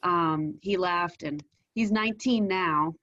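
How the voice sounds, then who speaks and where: A woman in her forties, a qigong student, telling a personal story candidly and haltingly in a group class, with soft laughs. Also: lowish voice, muffled recording.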